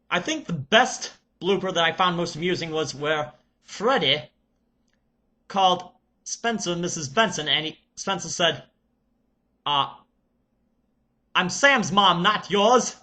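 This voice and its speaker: A man playing an excitable TV reviewer character with a Serbian accent, exclamatory and halting as he reviews. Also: sits high. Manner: loud, exclamatory, halting with ums. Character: excitable male Nickelodeon reviewer character, the Nutcase.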